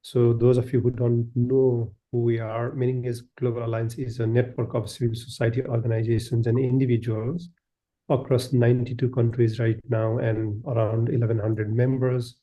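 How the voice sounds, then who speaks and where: A man's voice: mid-range voice, level tone, normal speed, mellow, low-quality recording. A man from Nepal introducing himself on a panel, earnest and restarting phrases mid-sentence. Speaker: panelist, co-director of a network.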